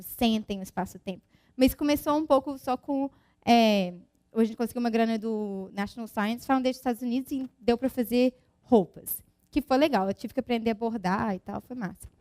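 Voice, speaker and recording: A woman with a fairly high voice gives an informal conference talk on physics. She talks in a chatty way, with tag questions and restarts, and she explains through lively everyday examples. Her voice sounds close and dry. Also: no room sound.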